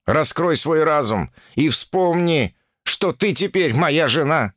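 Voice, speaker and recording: A man's voice: mid-range voice, expressive, fairly bright tone, no echo, clean studio sound, voice pushed up, lightly acted. A man playing a lofty, arrogant monkey king. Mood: commanding. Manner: slow, lofty, commanding. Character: arrogant male monkey king, proud and stubborn.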